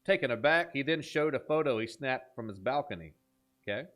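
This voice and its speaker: With a medium-pitched, brisk voice, a man reacts to horror content as a video host. He keeps things casual and animated, cracking jokes, reading captions aloud, and sounding enthusiastic.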